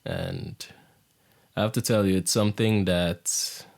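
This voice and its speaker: A young man, hosting a podcast in a reflective, soft-spoken monologue. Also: huge pitch swings, unhurried. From Saint Lucia. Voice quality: low gravelly voice. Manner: reflective, soft-spoken, drops into hushed near-whisper. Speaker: podcast host. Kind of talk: casual monologue.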